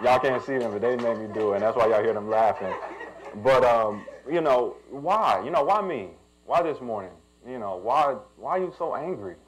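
A man's voice: mid-range voice, animated, normal speed, low-quality recording. A young man, a pastor telling a personal story in a sermon and building to emphatic preaching.

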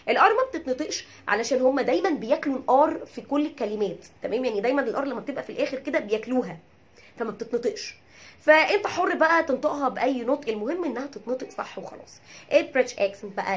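Egyptian lady english teacher, quick talker, voice jumps all over, keeps repeating words for practice. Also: high voice. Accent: Egyptian Arabic. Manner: animated, repeats words to drill pronunciation; checks in with "tamam?". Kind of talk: pronunciation lesson.

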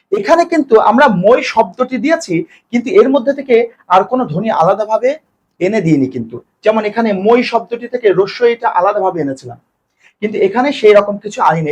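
A man whose voice sits high gives an exam-oriented grammar lesson, explaining one step at a time. He raises questions only to answer them himself, pronouncing example words slowly and drawn out.

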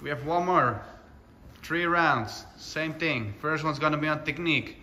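A man's voice: on the high side, measured pace, bright, forceful tone. A man working as a kickboxing coach, giving short, commanding, encouraging cues and countdowns to a class. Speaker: kickboxing coach leading a heavy bag class. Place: indoor kickboxing gym with mats and mirrors. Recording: echoey gym with clear background noise, clicks.

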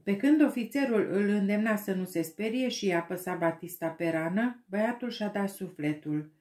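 A woman narrating an audiobook with slow, expressive storytelling. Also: mid-range voice, roomy sound. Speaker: audiobook reader.

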